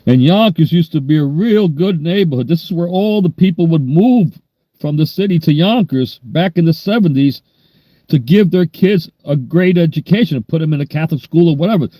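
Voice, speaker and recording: A man's voice: on the high side, expressive, fairly quick, warm tone, no room sound. A man, chatting bluntly and rambling on a livestream. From New York. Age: 60s. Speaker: livestream host. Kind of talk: casual livestream chat.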